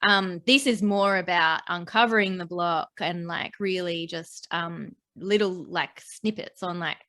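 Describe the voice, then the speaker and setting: A woman's voice: on the low side, unhurried, a bit bright. Chatty woman podcast co-host. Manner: rambling, filler-heavy, upbeat. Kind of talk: casual chat.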